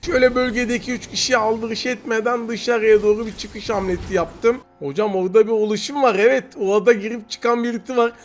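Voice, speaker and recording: A young man giving excited gameplay commentary, teasing and trash-talking his opponents. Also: high voice, brisk, few pauses, faint music behind. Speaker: mobile game streamer. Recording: noisy game audio with gunfire. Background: gunfire and game sounds.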